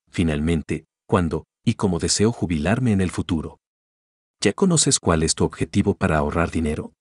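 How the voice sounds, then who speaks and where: A man narrates a scripted explainer in a steady, instructive tone, talking directly to the listener. His voice sits deep and slightly husky. The recording is dry and close, with no room sound. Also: dry recording. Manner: calm instructive second-person advice.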